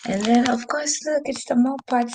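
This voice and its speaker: Talking unhurriedly in a high voice with a darkish tone, a podcast host runs a casual live stream from the window-side desk of the home she just moved into. She rambles and laughs frequently, saying she's losing her voice, and her computer mic carries a slight hiss or hum.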